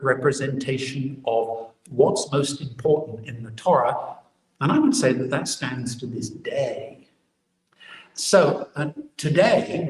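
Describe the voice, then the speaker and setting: A man delivers a sermon at a middle pitch, unpacking scripture with rhetorical questions. He sits back from the microphone, so his voice carries the roomy echo of the church around him. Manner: explanatory, asks rhetorical questions. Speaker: preacher. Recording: echoey church from a distant mic.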